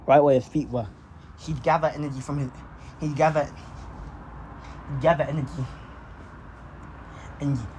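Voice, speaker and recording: A man's voice: mid-range voice, noisy background. Man rambling through an unscripted story. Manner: halting, restarts and repeats phrases. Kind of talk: casual fan-fiction narration.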